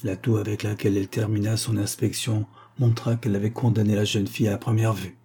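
A man reading an audiobook in a steady, even narration. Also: fairly low pitch, fast talker, husky.

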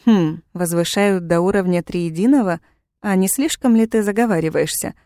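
A woman's voice: on the low side, moderate pace, warm tone, dry recording, clean studio sound, lightly acted. A woman voicing a defiant young witch in chains, speaking with cool, mocking sarcasm. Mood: sarcastic.

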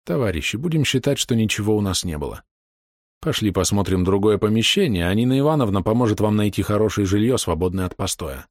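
A man voicing a dignified old man who speaks in a grave, reproachful, measured way. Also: fairly low pitch, lively intonation, darkish tone, no echo, clean studio sound. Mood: calm.

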